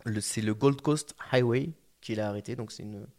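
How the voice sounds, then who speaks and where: Playful, laughing podcast host. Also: male voice, on the low side, moderate pace, darkish tone. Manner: playful, laughs often, rhyming intros. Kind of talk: casual chat. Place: radio station studio.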